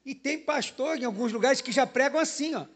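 A man's voice: very high voice, brisk, slightly rough. A man, a pastor giving a sermon in a church in a loose, conversational way, often tagging his sentences with "né?". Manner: conversational preaching, frequent "né?" tag questions. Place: church hall.

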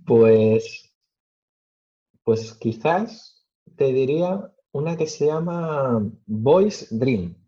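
A man answering interview questions casually, with many fillers and pauses. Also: mid-range voice, lively intonation, mellow, breathy edge, highs cut off. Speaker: podcast guest.

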